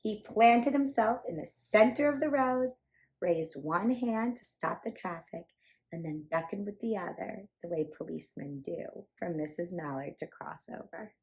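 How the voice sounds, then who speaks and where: A woman hosting a children's storytime, reading a picture book aloud with animated, playful emphasis. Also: medium pitch, normal speed, poor audio. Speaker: children's storytime reader and host.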